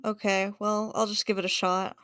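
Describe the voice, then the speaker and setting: A woman's voice: mid-range voice, level tone, moderate pace, a bit bright, smooth, no echo, clean studio sound. A woman playing a tabletop game, chatting casually, laughing often and searching for words. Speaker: player.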